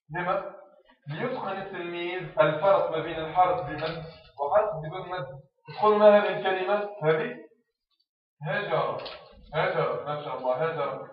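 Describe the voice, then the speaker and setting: A man explaining how to teach reading, step by step, acting out teacher and pupil exchanges. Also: on the high side. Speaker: teacher trainer. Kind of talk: instructional talk on teaching reading. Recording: echoey, distant, slightly dull room recording.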